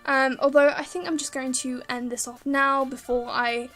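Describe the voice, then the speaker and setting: Speaking high with little pitch movement, a woman delivers a bright, forceful voice-over Q&A at a moderate pace. The YouTuber meanders casually, restarting often and saying um a lot, and her voice is slightly worn from long talking.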